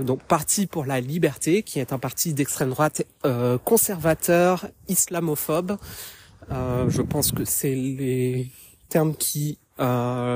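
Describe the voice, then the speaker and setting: A man's voice: on the high side, a little mellow. A man from France giving casual spoken commentary while walking outdoors in a small wood, hesitating often with filler sounds, recorded as a phone voice message. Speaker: podcast contributor.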